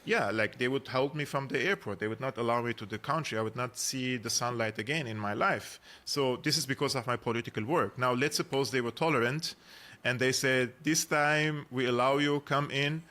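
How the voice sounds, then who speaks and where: A man's voice: medium pitch, fairly quick, pushed and bright. An earnest man with a Syrian Armenian accent, a journalist and analyst speaking as a guest in a podcast interview, with frequent fillers and restarts.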